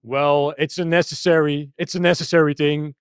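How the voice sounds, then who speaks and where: Dutch guy talking techno, kinda high voice, lots of uhs and restarts. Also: level tone, normal speed, smooth, dry recording. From Netherlands. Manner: hesitant, many restarts and fillers. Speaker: DJ and techno producer. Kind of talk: casual interview.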